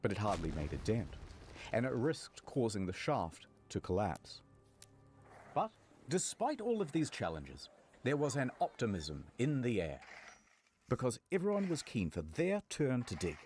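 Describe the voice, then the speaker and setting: A man's voice: mid-range voice, wildly swooping pitch, unhurried, a little mellow, faint music behind. A man narrating a scripted documentary story in a wry storytelling manner.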